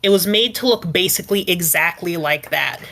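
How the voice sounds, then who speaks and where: Lowish woman voice, earnest podcast chat over a call, lots of "like"s. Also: a little fast, a bit bright. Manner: earnest, explains at length with many "like"s. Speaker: podcast panelist and ASMR script writer.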